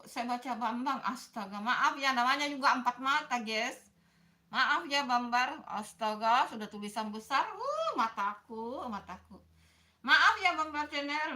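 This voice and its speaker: Bright high-voiced woman livestreaming. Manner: chatty, greets viewers by name, frequent apologies and laughs. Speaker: livestream host. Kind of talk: casual livestream chat with viewers.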